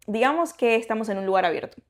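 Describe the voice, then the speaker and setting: A woman's voice: on the high side, animated, fast. A young woman co-hosting a podcast, telling a personal story in casual chat with lots of fillers and restarts. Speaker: podcast co-host.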